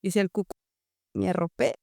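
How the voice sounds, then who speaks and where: A woman's voice: fairly low pitch, moderate pace, gravelly, no room sound, clean studio sound. A young woman with an Ecuadorian accent telling her personal testimony as a podcast guest, acting out the voices of her family as she tells it. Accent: Ecuadorian Spanish. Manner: lively storyteller, acts out family voices.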